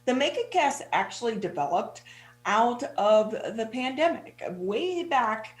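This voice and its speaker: A woman's voice: fairly high pitch, big pitch swings, unhurried. Upbeat woman host, roomy home studio. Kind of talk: casual interview hosting.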